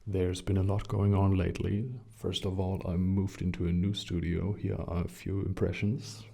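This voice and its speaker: Guy doing soft spoken asmr chat, deep mellow voice, kinda breathy, right up on the mic. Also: moderate pace. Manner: gentle, hushed, relaxed delivery. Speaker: ASMR video creator. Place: small quiet rented studio room. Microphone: close shotgun condenser mics.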